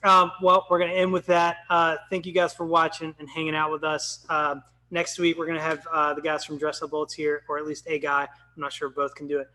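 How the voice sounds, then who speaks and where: A man's voice: on the high side, monotone, brisk, hardly any pauses, sharp tone. A man in his thirties hosting a casual live podcast, upbeat and chatty with lots of ums. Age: 30s. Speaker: podcast host.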